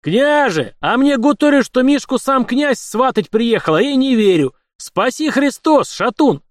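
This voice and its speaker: A rowdy middle-aged Cossack uncle who roars his words in rough village speech, as a male reader puts him on. The voice is pushed high and loud, swinging wildly up and down. It is recorded close and dry. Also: expressive, normal speed, no room sound, natural voice. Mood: bellowing. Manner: bellowing, rough folksy speech. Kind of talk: audiobook character voice.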